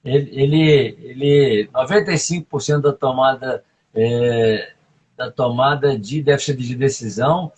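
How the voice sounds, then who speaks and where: A man's voice: mid-range voice, unhurried, darkish tone, husky. A man, giving emphatic leadership advice as a guest in a live interview, often asking "right?". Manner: emphatic, coaching, fond of tag questions.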